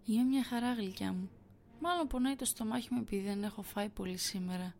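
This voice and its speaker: Woman reading a nervous man faking calm. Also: mid-range voice, creaky, close to an everyday voice. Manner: hesitant, forced calm. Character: nervous young man hiding fear.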